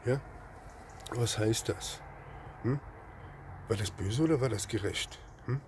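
A man giving an impassioned religious rant, throwing out rhetorical questions and a constant "ja?", swinging between loud outbursts and low murmurs. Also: slow pace, a little hiss or hum.

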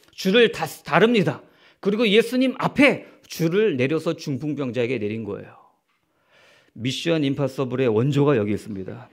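A male pastor delivers a sermon in a high voice that leaps up and down with feeling. He keeps asking the congregation rhetorical questions. He slips into acted voices for people in the stories he tells. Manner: acts out quoted speech in the story.

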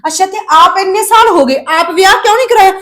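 An actress with a very high, somewhat bright voice portrays a young unmarried daughter in Punjabi family drama acting. Defiant, she fires back at her mother in quick, sharp arguments.

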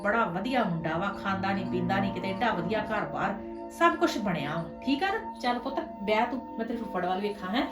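A woman's voice: medium pitch, lively intonation, fairly quick, distant mic, lightly acted. A middle-aged woman playing a scheming aunt who arranges a match, persuading and pressing for agreement. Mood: scolding, reassuring. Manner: persuasive, keeps asking for agreement. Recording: echoey room, voice from afar, music behind.

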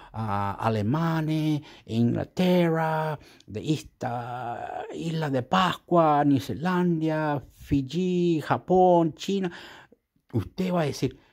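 A man's voice: a little high, drawn-out words, darkish tone. A man with a Chilean accent vlogging in a casual, rambling monologue, repeating himself and swearing casually. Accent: Chilean Spanish.

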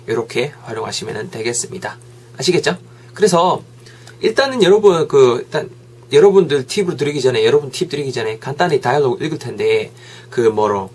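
Slightly husky man teaching English. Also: fairly high pitch. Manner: slow, drawn-out English example sentences; checks in with listeners often. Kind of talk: casual English lesson.

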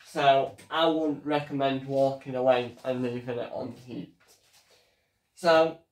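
A young man hosting a casual home cooking vlog, chatty and halting as he talks while cooking in a small kitchen. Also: a little high, a little mellow. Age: young adult. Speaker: home cooking show host. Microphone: fixed camera across the room. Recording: echoey kitchen, voice from far off.

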